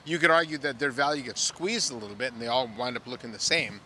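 Brief: middle-aged man, mid-pitched, measured explainer, handheld mic, outdoor plaza. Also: fairly even intonation, bright, forceful tone, a little hiss or hum. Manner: measured, explanatory, some filler "uh"s. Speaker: industry analyst guest. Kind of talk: on-site analysis chat.

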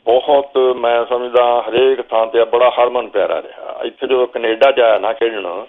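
A man's voice: medium pitch, fairly even intonation. Older man, Punjabi accent, reminiscing storyteller, thin phone-like audio. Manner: slow reminiscing storyteller, quotes himself calling instructions. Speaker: guest. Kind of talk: storytelling interview. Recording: phone-like narrow sound.

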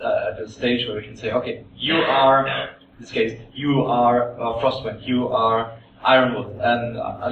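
A man speaking English on a convention panel, explaining calmly with a few fillers. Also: mid-range voice, highs cut off. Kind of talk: conference panel talk. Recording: echoey far-off room audio with noise.

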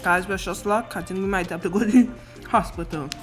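A man's voice: sits high, brisk, a bit bright. A young man chatting casually in a challenge vlog, strained as if his mouth burns from spicy food. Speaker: challenge participant. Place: furnished room at home, indoors. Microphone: shared tabletop condenser mic. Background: music, clinking cutlery.

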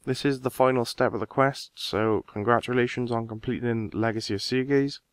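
Smooth-voiced man narrating a game walkthrough. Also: medium pitch, fairly quick, no room sound. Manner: relaxed step-by-step instructions, talking straight to viewers. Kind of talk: casual game walkthrough voice-over.

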